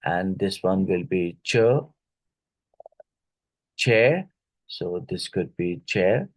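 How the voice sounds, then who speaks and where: Male teacher, Indian English accent, low voice, unhurried worksheet walkthrough with frequent tag questions. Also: lively intonation. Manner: explanatory, checks in with tag questions. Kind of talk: exam-prep lecture walking through worksheets.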